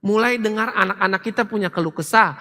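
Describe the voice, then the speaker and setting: A high-voiced, bright-toned man preaching in a large church hall, his voice ringing with long reverb. He is a middle-aged pastor who talks animatedly and slips into quoted voices of his family. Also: fast talker. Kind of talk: sermon.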